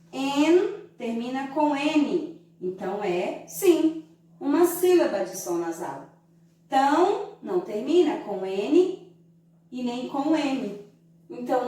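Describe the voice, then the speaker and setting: A Brazilian woman teacher giving a slow, didactic lesson to young children, stretching out syllables to show how they sound. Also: a little high, a little mellow, recorded from a distance. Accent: Brazilian Portuguese. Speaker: primary school teacher. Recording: very echoey room, voice from away from the mic.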